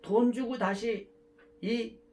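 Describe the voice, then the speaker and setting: A man preaching a sermon as a pastor, emphatic, moving between loud cries and soft asides. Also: extremely high pitch, fairly even intonation, takes it slowly.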